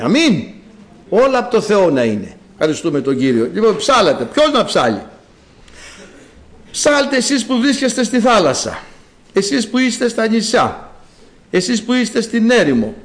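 A man preaching a sermon, speaking straight to his congregation in an animated, fervent way. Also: high voice.

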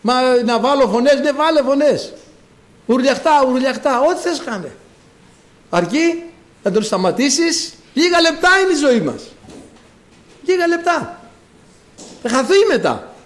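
A middle-aged man preaching a sermon, acting out quoted voices and swinging from loud to hushed. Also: extremely high pitch.

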